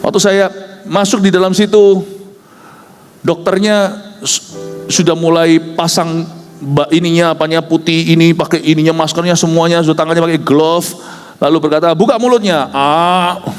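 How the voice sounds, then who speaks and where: Animated male pastor in a reverberant hall. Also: normal speed. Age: 50s. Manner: animated, acts out dialogue with big pitch swings. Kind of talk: sermon storytelling. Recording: preached in a hall with reverb, music underneath.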